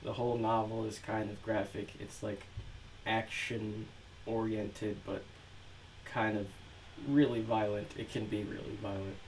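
A man's voice: fairly low pitch, unhurried, slight background noise, low-quality recording. A man chatting casually with many fillers before reading an excerpt of his own novel aloud. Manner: relaxed, filler-heavy chat. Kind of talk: casual chat, then reading prose aloud.

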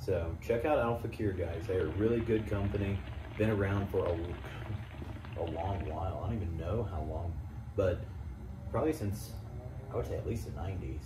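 A man's voice: low-pitched, normal speed. A man in his thirties giving a laid-back, casual review and speaking to viewers as guys. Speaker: co-host of a product review. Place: small indoor room, seated. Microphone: camera a few feet away. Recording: roomy, distant mic, noisy background.

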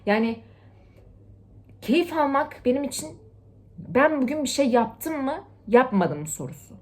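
A young woman talking casually to her viewers in a lively, lecturing way, swinging between loud and hushed. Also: high-pitched, measured pace. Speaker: TikTok vlogger. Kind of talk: casual motivational chat to camera.

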